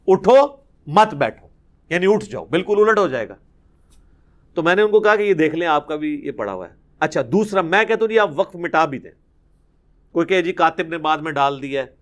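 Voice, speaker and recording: A man teaches a Quran commentary lesson. His voice sits fairly high, and he explains each point emphatically, breaking into recited Arabic verses between his explanations. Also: fairly bright tone.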